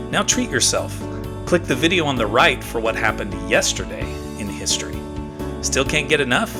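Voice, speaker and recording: A middle-aged man from the United States hosting a history show, reading scripted narration in a crisp, presentational way. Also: medium pitch. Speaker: host of a daily history show. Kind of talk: scripted narration for online video. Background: background music.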